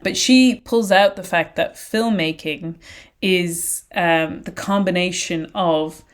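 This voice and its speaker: A woman with a fairly low voice talks through her ideas on a podcast, relaxed and conversational. She circles back on herself and restarts her sentences as she thinks aloud, with no hurry. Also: slow. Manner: thoughtful, wandering sentences with frequent restarts. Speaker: podcast co-host. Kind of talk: casual conversational podcast chat.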